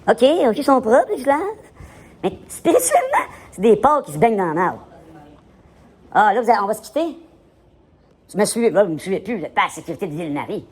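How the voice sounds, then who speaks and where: A man with a Québécois accent, livestreaming a loud, provocative, rambling monologue in a public place and switching between French and English. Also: sits high, lively intonation, quick pace, long pauses, slightly rough. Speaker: live vlogger.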